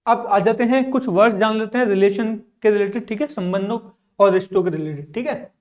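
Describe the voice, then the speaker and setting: A man's voice: high-pitched, a little fast, darkish tone. Male teacher running a repetitive vocabulary drill, asking questions and answering them himself. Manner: drills and repeats with frequent "theek hai". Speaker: English teacher. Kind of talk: classroom lesson in Hindi.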